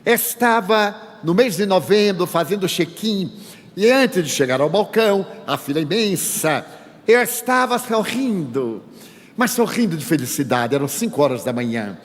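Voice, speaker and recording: A man's voice: high-pitched, lively intonation, moderate pace. Older man telling a spiritist talk. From Bahia, Brazil. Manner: storytelling, acts out dialogue, humorous. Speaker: spiritist speaker. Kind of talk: sermon-style lecture with anecdotes. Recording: reverberant hall.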